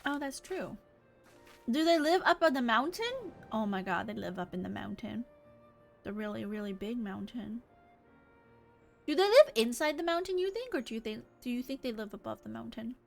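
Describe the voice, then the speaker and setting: A woman with a slightly high, very animated voice and some vocal fry livestreams an online game at a moderate pace. She chats informally and rambles, reading game lines aloud while game music plays behind her.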